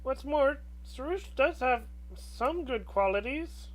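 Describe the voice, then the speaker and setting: A woman puts on a little fairy companion from a video game. The voice is high, chirpy and childlike, eager in temper and swinging widely in pitch. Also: lively intonation, takes it slowly. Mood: encouraging. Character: small, chirpy, eager fairy companion, talks in third person.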